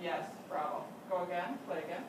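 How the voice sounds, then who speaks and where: A woman's voice: lowish voice, brisk. An older woman teaching a flute master class, giving encouraging instructions and frequent praise. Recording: echoey room, distant mic, loud noise.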